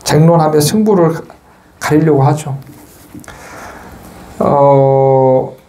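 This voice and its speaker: A man delivers a temple sermon as a Buddhist monk in a fairly high voice. He talks casually with his listeners and teases them. Now and then he calls out a line loudly to show them how. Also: slow. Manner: chatty and joking, teases the listeners, shouts chants to demonstrate. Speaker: Buddhist monk giving a Sunday dharma talk.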